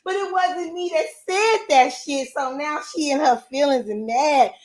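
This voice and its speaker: A woman hosts a livestream in a high, darkish voice, speaking a little slowly. Casual and confrontational, she answers her chat's comments in a brash, profane way.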